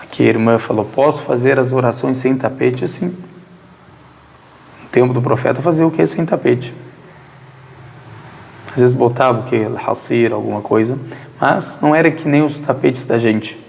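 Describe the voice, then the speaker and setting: A Brazilian man with a gravelly, fry-tinged voice at a middle pitch teaches an informal religious class, answering questions as he goes. He keeps throwing out rhetorical questions and answering them himself. His voice carries a long reverb from a mosque prayer hall. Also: normal speed, long pauses, a little mellow. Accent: Brazilian Portuguese.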